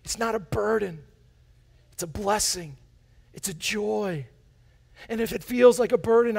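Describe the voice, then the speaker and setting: Gravelly high-voiced pastor preaching. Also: male voice. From United States. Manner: animated, playful, drawing the congregation in; walks about the stage as he preaches. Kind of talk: sermon. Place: large church sanctuary, indoors.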